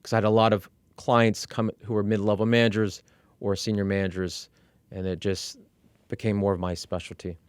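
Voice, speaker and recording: A middle-aged man from Iran, working as an executive coach, telling his life story as a guest in a candid, measured way, with fillers and restarts. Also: on the low side, level tone, smooth, no room sound. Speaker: interview guest.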